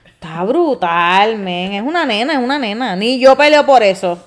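A woman's voice: on the high side, animated, moderate pace. A young woman with a Puerto Rican accent co-hosting a casual chat, teasing her partner and laughing often. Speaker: podcast co-host.

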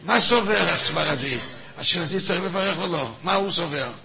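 A man with a high-pitched, gravelly voice teaches his weekly religious class with energy. Acting out each side of a halachic argument in turn, he repeats words and keeps putting questions to the group in this lively Torah lesson.

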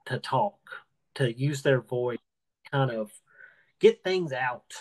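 A man's voice: mid-range voice, animated, slow, darkish tone. A man hosting a podcast interview, talking earnestly with frequent stammered restarts. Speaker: podcast host. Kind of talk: casual interview talk.

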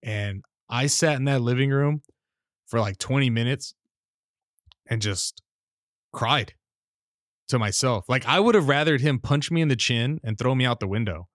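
A podcast host trades childhood stories with animated flair, slipping into the voices of the people in his tales. His everyday mid-pitched voice moves at a moderate pace with long pauses, recorded dry and close with no echo or room sound.

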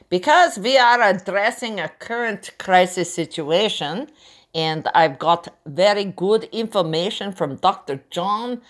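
A woman voicing a grand, theatrical diva in a campy drag-queen manner with drawn-out delivery. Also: lowish voice, a bit bright.

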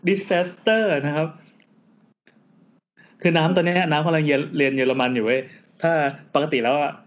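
A man co-hosting a podcast in relaxed casual chat, blunt and offhand as he explains things. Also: fairly high pitch, fast talker, dull audio. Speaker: podcast co-host.

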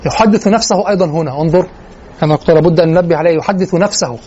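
A man teaching a lesson on classical poetry, explaining verses line by line and reciting them slowly. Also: a little high, mellow. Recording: dull lo-fi recording with faint noise.

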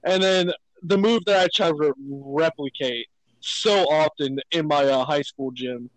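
A man's voice: fairly high pitch, unhurried, no echo, rough recording. A young man talking casually and a little ramblingly, with many fillers, as a podcast co-host. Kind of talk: casual chat.

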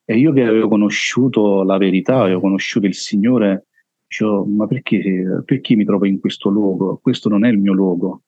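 Deep, heavy-voiced man with a Neapolitan accent. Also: steady tone, a little fast, mellow, slightly rough, no echo, muffled recording. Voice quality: heavy, full voice. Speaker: interview guest. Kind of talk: personal testimony.

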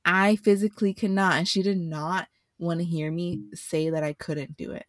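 Woman co-host, lowish voice, dry close sound, blunt and profane in casual chat. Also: steady tone, normal speed, no echo. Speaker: podcast co-host.

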